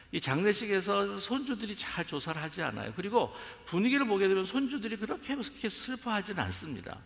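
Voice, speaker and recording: A man's voice: fairly high pitch, gravelly, pushed and bright, big-room sound. A male pastor preaching a sermon in a church sanctuary. He speaks straight to the congregation and asks them rhetorical questions.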